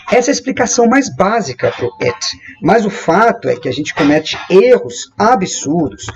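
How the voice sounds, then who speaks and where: A man from Brazil teaching English grammar, lively and repeating example sentences slowly and with emphasis. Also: sits high, highs cut off. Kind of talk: explaining grammar at a whiteboard.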